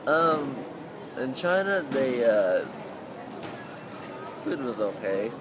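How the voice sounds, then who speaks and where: A man's voice: medium pitch, sing-song, very slow. A man interviewing someone casually outdoors, talking in an informal, rambling way. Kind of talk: casual chat, swearing freely. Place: outdoors on a city street. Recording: noisy outdoor urban street with traffic.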